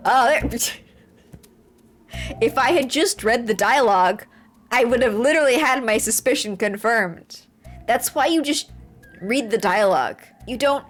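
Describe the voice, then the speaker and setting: A woman streaming live gameplay, talking in an animated, playful way and swearing casually. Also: on the high side. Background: faint game music.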